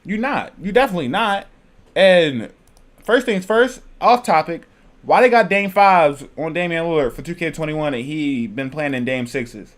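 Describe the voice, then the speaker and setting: A man hosting a casual reaction video, talking in a loose, rambling, excitable way. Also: on the high side, normal speed. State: out of breath. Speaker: channel host reacting to a video.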